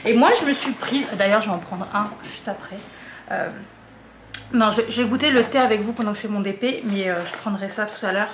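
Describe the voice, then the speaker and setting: Chatting at a fairly quick clip, a young Frenchwoman vlogs an unboxing at home in a medium-pitched voice. Her talk wanders, heavy with fillers and repetition, and a slight cough breaks in; the recording carries roomy echo and a faint hum.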